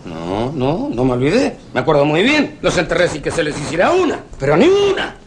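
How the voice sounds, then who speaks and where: An actor with a Rioplatense accent playing a bitter, sarcastic working-class man who mocks and shouts in bursts. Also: on the high side, huge pitch swings, a little fast, slight background noise. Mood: grim. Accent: Rioplatense Spanish. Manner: scornful, mocking, bursts into shouts.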